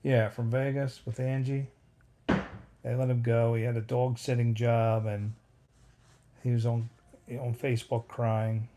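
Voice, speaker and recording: A man's voice: mid-range voice, level tone, measured pace, pauses often, mellow, slight background noise. A man in his fifties hosting a home livestream, telling a rambling personal story and breaking off to greet chat viewers by name. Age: 50s. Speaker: livestream host.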